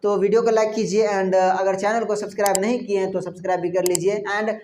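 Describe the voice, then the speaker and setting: A woman's voice: mid-range voice, flat delivery, a little fast, darkish tone, reverberant, slight background noise. A woman with an Indian accent, a native Hindi speaker, teaching a beginners' English lesson. She repeats words again and again and asks her listeners rhetorical questions.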